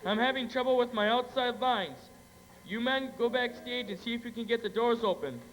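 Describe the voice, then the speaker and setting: A school stage actor as Howard, a flustered studio boss who barks orders during a crisis. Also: male voice, extremely high pitch, normal speed, fairly bright tone. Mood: strained. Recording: echoey auditorium, faint noise.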